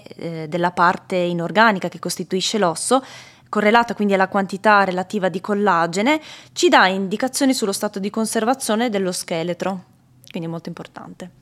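A woman's voice: mid-range voice, normal speed. Young woman explaining her research carefully. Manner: careful, technical, with hesitation fillers. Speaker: guest, doctoral researcher. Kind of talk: explanatory interview answers.

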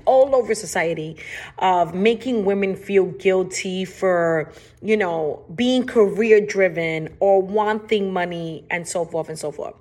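A woman with a Spanish accent hosting a podcast, talking in a casual, emphatic way and often repeating her phrases. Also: on the low side. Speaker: podcast host.

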